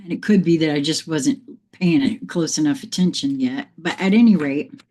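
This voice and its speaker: A woman's voice: low-pitched, normal speed, dark tone. A woman hosting a casual live morning chat, a little out of breath, telling reflective, meandering spiritual stories. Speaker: live stream host.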